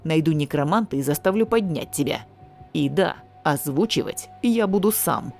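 A woman voicing a blunt young man with a low, gruff, sarcastic voice. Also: expressive, moderate pace, a little mellow, faint music behind, exaggerated voice. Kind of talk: audiobook character voice.

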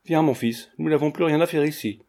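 A man's voice: a little high, brisk, darkish tone, voice pushed up, lightly acted. A man reading the lines of a haughty, ironic middle-aged mother in an audiobook, in a cool, formal way. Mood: cutting.

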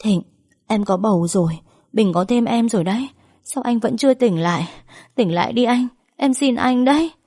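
A woman's voice: on the high side, normal speed, warm tone, no room sound, studio quality, voice pushed up, lightly acted. A woman playing a tearful young wife pleading.

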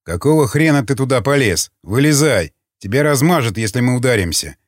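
A man's voice: medium pitch, expressive, a little fast, no room sound, studio quality, lightly acted. A man voicing a curt, commanding pilot who barks orders, read in an audiobook. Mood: tense barking. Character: gruff tense male pilot, curt and commanding. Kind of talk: audiobook character voice.

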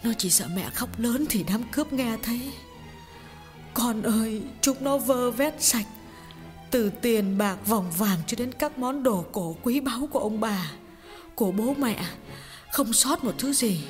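A grieving mother in an audiobook drama tells a painful family story, her voice somewhat high and halting as words repeat through her tears, performed by a woman. The recording has a long, echoing reverb with music playing softly behind her. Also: lively intonation. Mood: anguished. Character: grieving middle-aged mother recounting a family tragedy.

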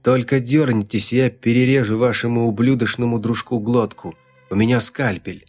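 A man's voice: fairly even intonation, moderate pace, darkish tone, faint music behind, natural voice. A male narrator voicing a hysterical, vicious woman who screeches threats and hisses insults. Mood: screeching. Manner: shrill, hissing, screaming threats.

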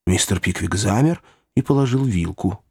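Expressive male audiobook narrator. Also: lowish voice, normal speed, creaky, breathy edge, no echo, studio quality. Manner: expressive, animated. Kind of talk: audiobook reading of a classic novel.

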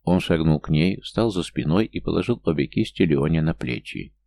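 Reading a fantasy story as an audiobook narrator, a man with an expressive, gravelly, mellow voice speaks at a moderate pace. He voices every character on his own, raising his pitch for the younger or smaller ones.

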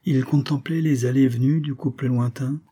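A man reading a French novel aloud as the narrator, in a measured storytelling manner. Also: medium pitch, steady tone, mellow, breathy edge. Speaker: audiobook reader. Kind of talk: literary narration.

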